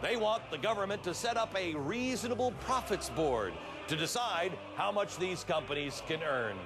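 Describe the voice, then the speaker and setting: A man's voice: animated, normal speed. A man doing a pompous Soviet state propagandist. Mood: gloating. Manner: theatrical, mock-solemn, swings high and low. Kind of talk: satirical comedic sketch.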